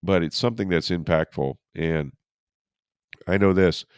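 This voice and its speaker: A deep-voiced man co-hosting a sports podcast, talking through a cold that leaves him hoarse. He tells his stories in an animated, chatty way, and his voice sits close and dry with no room sound. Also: a little slow, no echo. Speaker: podcast co-host.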